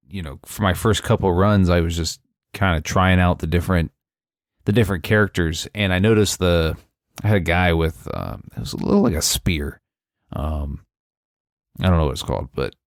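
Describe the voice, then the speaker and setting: Low-voiced, halting man chatting about games. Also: dry recording, clean studio sound. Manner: hesitant, halting, searching for words. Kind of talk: casual gaming discussion.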